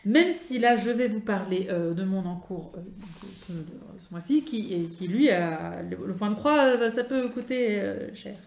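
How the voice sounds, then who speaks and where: French woman, casual vlogger, halting and filler-heavy, roomy echo. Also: medium pitch, creaky, darkish tone. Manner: chatty, many fillers and restarts. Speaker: craft vlogger. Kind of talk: casual show-and-tell chat.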